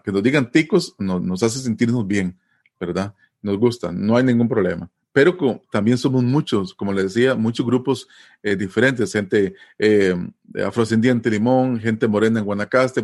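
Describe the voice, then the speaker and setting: A Costa Rican man with a Costa Rican accent and a voice on the low side explains things casually as an interview guest. He's relaxed and patient, often pausing with fillers and tag questions.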